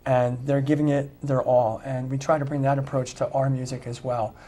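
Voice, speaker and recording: In a mellow, mid-range voice with a level tone and normal speed, a father who performs in a tribute band reflects earnestly during an interview. He is an adult with kids of his own, and the exchange is a conversational interview.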